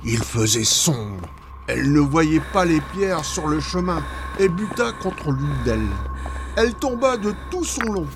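A male storyteller reading a children's tale aloud, with a lively, swooping delivery. His voice sits fairly high for a man. Faint noise lies underneath. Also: unhurried. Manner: expressive, dramatic storytelling. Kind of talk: scripted story narration.

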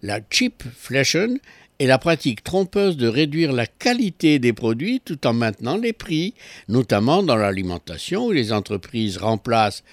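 A man's voice: medium pitch, big pitch swings, normal speed, dry recording. A man giving a consumer affairs column on local radio, explaining with ironic asides.

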